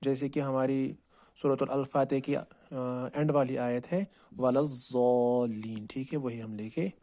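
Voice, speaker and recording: A man teaching Quran recitation. He asks and answers his own questions and repeats words slowly, drawing out each sound to show how to say it. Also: mid-range voice, fairly even intonation, mellow. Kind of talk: tajweed lesson on letter pronunciation.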